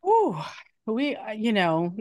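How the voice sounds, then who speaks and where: A woman's voice: on the high side, sing-song, slow pace, mellow. A woman educator co-hosting a casual podcast chat, telling stories with frequent laughs while getting over an illness. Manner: chatty storyteller, laughs often. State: recovering from illness. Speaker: math educator, co-host.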